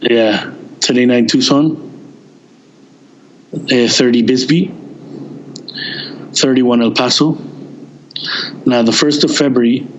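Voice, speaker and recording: A man guesting on an interview as a touring band member, telling stories in a halting way with many restarts and searches for words. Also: medium pitch, fairly even intonation, muffled recording, a little hiss or hum. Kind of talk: casual interview chat.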